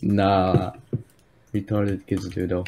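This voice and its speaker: Man, clipping distorted mic, overloaded loud voice chat, deep, dark tone, shouting defensively. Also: completely flat delivery, slow, slight background noise. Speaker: player in voice chat. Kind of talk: game voice chat argument.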